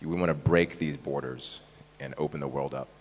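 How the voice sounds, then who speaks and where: A man with an extremely deep voice speaks from a conference stage, his words ringing through a hall with long reverb. He grew up in Taiwan and talks in an easygoing, conversational way, tagging points with quick checks to the crowd. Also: slight background noise. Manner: relaxed, conversational, frequent "right?" tags. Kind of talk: conference presentation.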